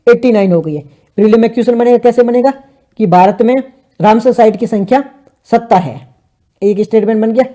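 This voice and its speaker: An exam prep teacher gives a casual current affairs lesson, sprinkling English terms into his Hindi and answering his own questions. His voice is high and mellow, moving a little fast.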